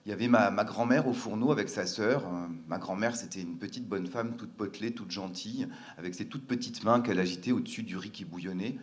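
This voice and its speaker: A man's voice: on the low side, fairly quick, hardly any pauses. A man from France telling a personal family story, earnest and hesitant, with frequent fillers and restarts.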